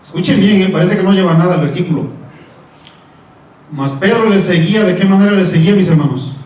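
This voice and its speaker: A man's voice: sits high, fairly quick, darkish tone. A male pastor preaching a sermon, reading Bible verses and asking his congregation questions. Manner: reads scripture aloud and asks the congregation questions. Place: church. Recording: very echoey church room, mic at a distance.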